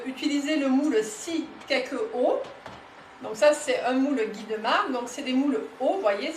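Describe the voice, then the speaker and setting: Her voice sits high, with slight background noise behind it. She's from southwest France near Toulouse, has a southwestern French accent, and talks her way through a live home-kitchen cooking demo in a chatty, enthusiastic way with many fillers and restarts, recorded roomy and somewhat far from the mic.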